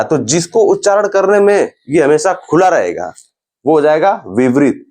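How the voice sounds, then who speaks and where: Male grammar teacher, lively pitch, slightly high voice, patient and repetitive. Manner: explains slowly, repeats sounds and terms, often says "dekhiye". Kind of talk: classroom-style lecture.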